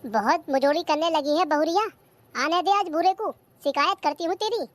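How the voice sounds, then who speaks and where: A woman's voice: moderate pace, no room sound, lightly acted. A performer voicing a bossy, nagging older mother-in-law in a cartoon comedy. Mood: scolding. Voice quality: shrill, nagging.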